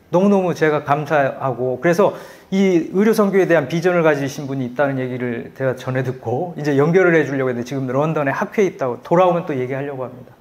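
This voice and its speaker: A middle-aged man preaching a sermon, telling stories with animated, loud quoted voices. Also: on the high side. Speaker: pastor.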